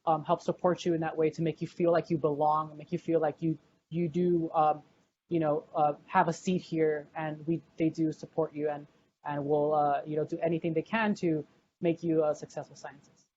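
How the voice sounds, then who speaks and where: A woman's voice: sits low, flat delivery, moderate pace, mellow, highs cut off, slight background noise. A young woman, a graduate student, chatting casually in an interview with many fillers and restarts.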